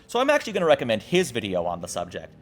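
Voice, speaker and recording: Rapid-fire delivery and wildly swooping pitch mark this medium-voiced host of a video essay show. He reads from a script but drops casual, profane asides in an irreverent, jokey, emphatic style, over background music.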